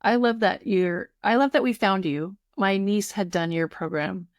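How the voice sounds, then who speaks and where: A woman's voice: mid-range voice, moderate pace, no room sound, studio quality. A woman in her fifties who runs a tutoring program, talking effusively in a casual podcast conversation. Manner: warm, effusive, restarts sentences.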